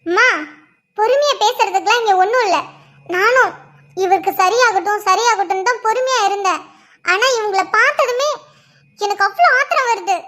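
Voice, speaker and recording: A woman's voice: extremely high pitch, moderate pace, pauses often, bright, forceful tone. A woman voicing a furious young wife in a cartoon drama, accusing and scornful. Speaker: cartoon character voice.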